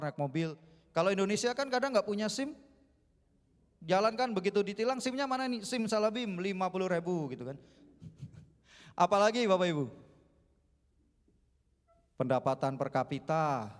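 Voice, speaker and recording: A young man preaching a sermon as a youth mentor, joking and asking the congregation questions. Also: high voice. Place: church hall. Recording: echoey church hall.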